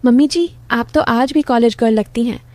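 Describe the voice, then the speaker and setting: A man's voice: very high-pitched, normal speed, darkish tone, dry recording. Woman voicing a coaxing young son-in-law.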